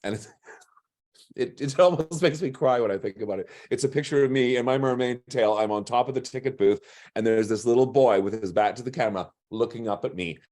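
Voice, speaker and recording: A man with a gruff voice reading his own story aloud with wry, punchline-driven delivery. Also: medium pitch, fairly quick, a little mellow. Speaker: storyteller and drag performer.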